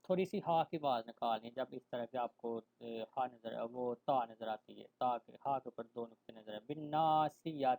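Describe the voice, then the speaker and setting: A man giving an online Quran reading lesson. He recites verses slowly and loudly, then explains softly and conversationally, mixing in English words. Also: medium pitch, rough recording. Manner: mixes English words into his speech. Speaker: Quran teacher.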